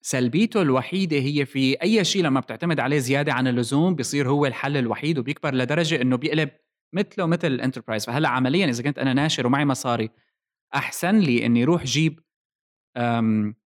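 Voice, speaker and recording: A man's voice: medium pitch, rapid-fire. A man with a Levantine Arabic accent hosting a casual tech discussion, explaining things and dropping in English technical terms. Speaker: podcast host.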